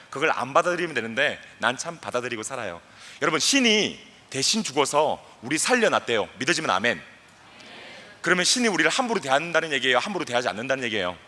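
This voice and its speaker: A young man giving a playful, animated talk to a youth camp audience, acting out voices and leading the crowd in chants. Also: a little high. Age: young adult. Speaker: guest speaker at a youth camp.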